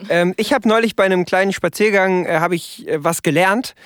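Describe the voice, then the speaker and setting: A man's voice: high-pitched, brisk, fairly bright tone, clean tone, no room sound, clean studio sound. A man co-hosting a casual comedic chat, rambling and joking with many fillers. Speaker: podcast co-host.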